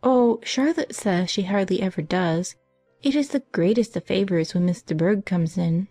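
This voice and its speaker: An excitable young gentlewoman played by a woman exclaims eagerly in a breathless voice of middling pitch. She is naive and easily awed, in storybook period style, over faint music. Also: normal speed, lightly acted. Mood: gossipy. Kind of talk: dramatized audiobook character acting.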